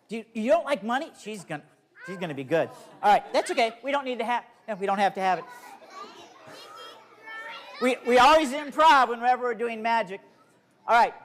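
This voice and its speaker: A man's voice: extremely high pitch, fairly bright tone, a little hiss or hum. A man works a live kids' comedy magic show as the magician. He speaks in simple, coaxing phrases to small volunteers, then turns to address the audience like a playful showman. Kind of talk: live stage show patter for kids, talking to volunteers and audience.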